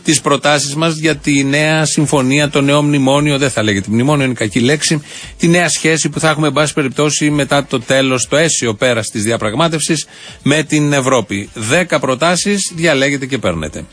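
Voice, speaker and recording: A man presenting satirical radio comedy in a deadpan, ironic, mock-serious tone. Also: on the high side.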